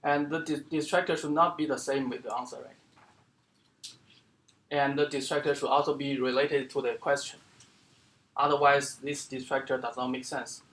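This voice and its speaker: A man giving an academic seminar lecture as the speaker, explaining in a halting way with many fillers and restarts. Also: medium pitch, little pitch movement, fairly bright tone. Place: lecture room.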